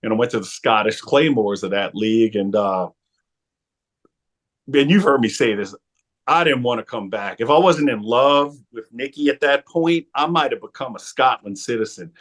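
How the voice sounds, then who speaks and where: Man, 40s, former football player, podcast guest, animated storytelling, laughs often, restarts sentences. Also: mid-range voice, moderate pace. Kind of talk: storytelling interview talk.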